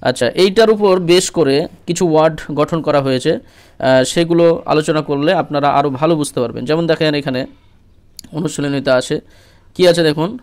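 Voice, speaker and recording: Male Quran tutor, crisp and resonant, a bit high-pitched, drills letters patiently. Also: a little fast, a little mellow. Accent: Bengali. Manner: patient, repeats letters and asks "ঠিক আছে?" often. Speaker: Quran reading teacher. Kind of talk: step-by-step recitation lesson.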